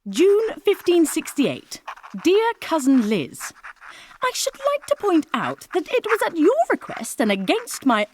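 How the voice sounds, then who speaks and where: An actress playing a proud, scheming captive queen, reading her diary and letters dramatically and deliberately in an audiobook. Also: very high-pitched, huge pitch swings, slight background noise, exaggerated voice. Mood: indignant.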